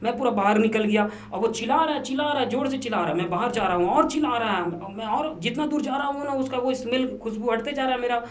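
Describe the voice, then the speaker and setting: A man in a podcast studio spins a story as the guest, piling up repeated phrases and slipping in English words as he goes. His telling is lively and emphatic, full of little restarts and asides to the host. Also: extremely high pitch, fast, hardly any pauses, slight background noise. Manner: animated, repetitive storytelling, mixing English words into Hindi. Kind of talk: casual storytelling interview.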